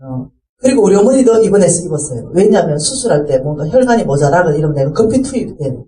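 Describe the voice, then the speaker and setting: Middle-aged woman, animated church testimony with a warm, dark tone; distant mic in a reverberant hall. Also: on the low side, quick pace. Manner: lively storyteller, acts out voices, laughs as she speaks. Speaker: ministry staff speaker.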